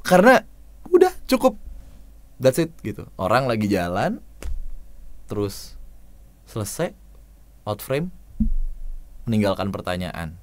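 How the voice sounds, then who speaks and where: Lively man critiquing voice-overs. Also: unhurried, pauses often. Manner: animated, demonstrates lines with big pitch swings. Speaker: voice-over coach reviewing submissions. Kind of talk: casual spoken critique.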